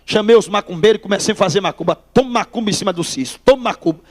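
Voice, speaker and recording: A man preaching his testimony in a church hall, telling a lively story and calling listeners brother. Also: sits high, rapid-fire.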